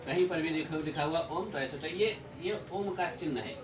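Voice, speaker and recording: High-voiced man teaching a classroom grammar lesson. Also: background noise. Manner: explains slowly, repeats points, chuckles often.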